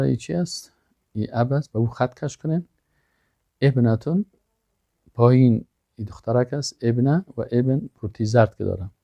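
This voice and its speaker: A man teaching a language lesson, sounding out example words slowly and deliberately. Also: mid-range voice, vocal fry, dark tone, dry recording. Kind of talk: language lesson, explaining exercises.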